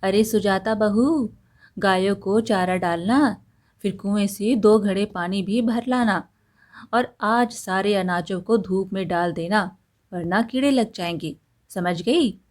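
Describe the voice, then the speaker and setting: A woman's voice: medium pitch, slow, darkish tone, close to an everyday voice. A woman voicing a stern, scolding middle-aged mother-in-law in a storybook tale, harsh and bossy.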